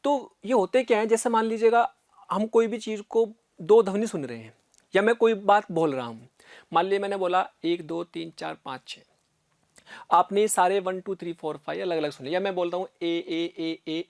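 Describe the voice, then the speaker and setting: A man's voice: sits high, fairly quick, no echo, clean studio sound. A man teaching physics in a recorded lecture. He explains step by step, often checks in with his students, and repeats sounds aloud to demonstrate.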